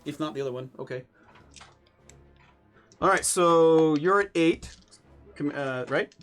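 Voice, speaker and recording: A man in his forties talks through his moves in a tabletop wargame, his voice sitting fairly high. He chats casually with the other players and breaks into loud, excited outbursts. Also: a little slow, faint music behind. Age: 40s. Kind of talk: casual banter over a tabletop game.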